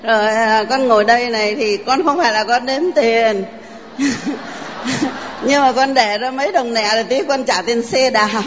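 An older woman, a parishioner, giving a personal testimony in church, telling her story in a halting, heartfelt way with many fillers. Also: fairly high pitch, a little hiss or hum. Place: large church with long reverb. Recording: dull, reverberant church recording.

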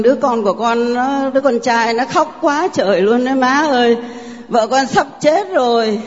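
An older woman, a parishioner, giving a personal testimony in church, telling her story in a halting, heartfelt way with many fillers. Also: on the high side. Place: large church with long reverb. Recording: dull, reverberant church recording.

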